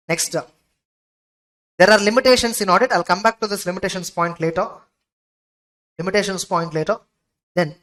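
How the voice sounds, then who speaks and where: A woman's voice: mid-range voice, a bit bright. A woman with a Tamil Indian accent lecturing a class, emphatic and repetitive, often checking understanding with rhetorical questions. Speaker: audit exam teacher.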